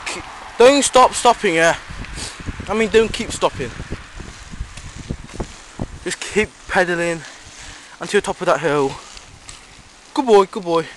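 A man filming on a roadside cycle path, keeping up a bossy, teasing commentary and urging his friend to go faster. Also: high voice, animated, fairly bright tone, low-quality recording. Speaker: cyclist filming a bike ride. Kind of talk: casual running commentary while cycling. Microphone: camera held while riding a bike. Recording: wind noise on an outdoor camera mic.

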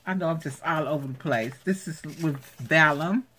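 At home, a woman runs a craft channel and films an unboxing vlog on a handheld camera. Her voice is deep and her pace normal, and she gushes excitably over each item, exclaiming again and again.

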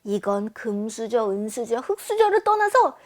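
A woman giving a children's sermon, speaking to kids in a playful, very expressive way. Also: on the high side, unhurried. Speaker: children's preacher.

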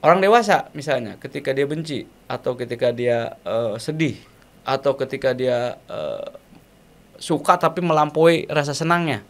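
A man, explaining ideas as an interview guest, animated and often searching for words with fillers. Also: mid-range voice, moderate pace. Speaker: guest speaker.

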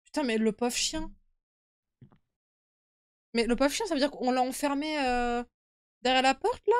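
A woman's voice: sits high, measured pace, clear, resonant tone, dry recording, studio quality. A young woman streaming a horror game with casual live commentary, uneasy and easily scared, chatting to her viewers. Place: indoor room at home.

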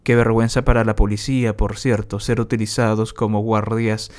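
A man's voice: lowish voice, little pitch movement, moderate pace, a little mellow. A man from Bolivia ranting as a political commentator, sarcastic and insulting, scornful of what he just heard. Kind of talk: angry political commentary rant.

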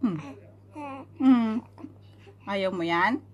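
A young mother at home filming her baby on a phone, teasing and cooing in playful baby talk, with soft hums and laughs. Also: mid-range voice, extremely slow, highs cut off. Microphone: phone camera.

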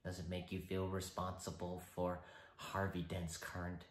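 A man impersonating a film's taunting, unhinged criminal clown villain, mocking, with deliberate pauses and sudden high swoops. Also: monotone, slight background noise, close to an everyday voice. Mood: quiet taunting. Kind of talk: film character impersonation. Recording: roomy echo.

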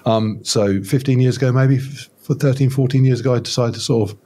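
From a home studio room indoors, a man around fifty joins a casual podcast interview by video call, wearing headphones at a close studio mic. His mid-range voice is dark and steady in tone and fairly quick. He tells his story self-deprecatingly and rambles, restarting many times.

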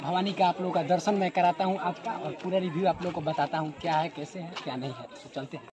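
A young adult travel vlogger films himself on a phone held at arm's length, talking fast in a slightly high voice as he crosses a river and heads to a waterfall. He's excited, calling out and cheering in casual narration, and the noisy outdoor phone recording picks up crowd noise.

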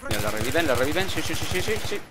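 A man giving mocking, excitable gameplay commentary, repeating words quickly when excited. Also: on the high side, noisy background. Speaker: gaming video host. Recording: game gunfire behind voice. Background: shooter game gunfire.

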